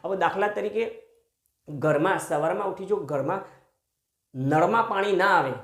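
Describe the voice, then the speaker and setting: Earnest male teacher in an echoey room. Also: moderate pace. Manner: earnest and emphatic, often addresses listeners as friends; sweeping pitch, from soft low asides to high stressed points. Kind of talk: video grammar lesson.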